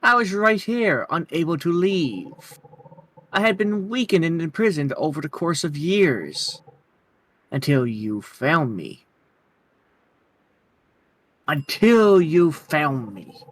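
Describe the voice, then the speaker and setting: A man's voice: a little high, sing-song, takes it slowly, long pauses, a bit bright, dry recording, exaggerated voice. A man voicing a solemn, godlike giant bird in a video game, speaking in stately, formal, philosophical phrases. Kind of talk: reading video game dialogue aloud.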